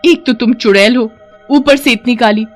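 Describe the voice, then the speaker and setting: A sharp-tongued young cartoon wife, voiced by a woman, scolding and complaining in a raised, high voice. She sounds poor and fed up. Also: fairly even intonation, moderate pace, faint music behind, close to an everyday voice. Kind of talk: cartoon voice acting.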